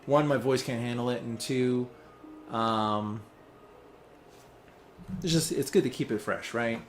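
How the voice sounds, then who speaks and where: A man's voice: medium pitch, a little slow, slight background noise. A young man hosting a let's play, chatting casually while he plays, rambling and distracted, with many fillers. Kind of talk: casual chat while playing a game.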